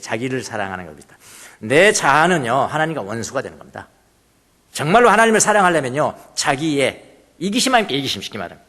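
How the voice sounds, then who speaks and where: Male pastor, sermon, emphatic and questioning, lively pitch, long hall reverb. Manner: emphatic, repeats phrases, asks the congregation.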